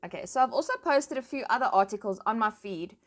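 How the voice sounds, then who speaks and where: A woman's voice: a little high, lively intonation, fast talker, a bit bright. A South African woman chatting casually to her online followers in an informal, plain-spoken and emphatic way. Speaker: online commentator and host. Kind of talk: casual chat to followers, switching between languages.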